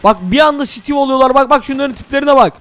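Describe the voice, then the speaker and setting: A man hosting a Minecraft role-play, talking excitedly to his viewers as "friends". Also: very high voice, fast. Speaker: gaming channel host.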